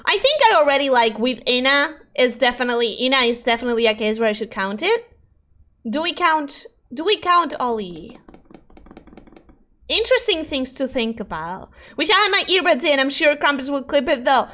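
A woman who is a native Spanish speaker livestreams a game, chatting casually over the gameplay. Her voice sits high at a moderate pace, and she is animated and expressive, often exclaiming.

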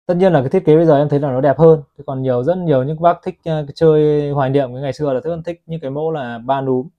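A man's voice: a little high, steady tone, fast, muffled recording. A man selling watches, chatting to his viewers as he films a product review on his phone. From Vietnam. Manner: chatty, keeps addressing viewers as "các bác". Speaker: watch seller.

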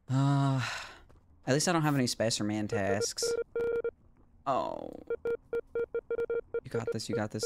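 Brief: male streamer, jokey gaming chatter, mid pitch, noisy hissing desk mic. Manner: joking, talks himself through tasks. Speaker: streamer playing a social deduction game. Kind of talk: casual gaming chat.

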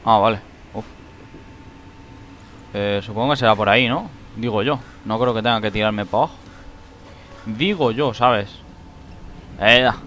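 A man giving excitable let's play commentary, shrieking when he panics. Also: on the low side, moderate pace, long pauses, a little hiss or hum. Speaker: gaming YouTuber.

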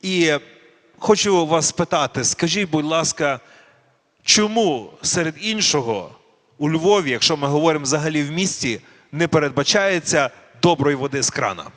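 A man giving a sermon. He speaks slowly and deliberately and puts questions to the audience. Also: fairly high pitch, expressive, a bit bright. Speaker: preacher. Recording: long reverb of a hall.

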